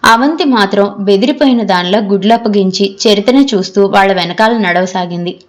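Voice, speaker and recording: A woman reads a novel aloud as an audiobook narrator, telling the story in a measured, expressive way with a medium-pitched voice.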